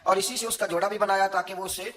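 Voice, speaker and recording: A man's voice: high voice, steady tone, a bit bright. A man preaching a sermon, telling stories with frequent chuckles and reciting verses along the way. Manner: mixes in recited verse and couplets.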